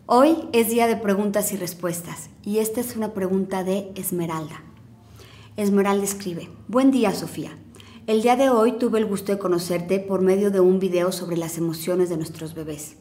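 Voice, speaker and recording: A woman hosts a parenting podcast and gives calm, gentle, reassuring advice from a script. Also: mid-range voice, normal speed.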